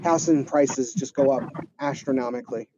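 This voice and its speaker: A man joking around as a guest on a casual live stream, animated and laughing. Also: mid-range voice, moderate pace, highs cut off, very noisy.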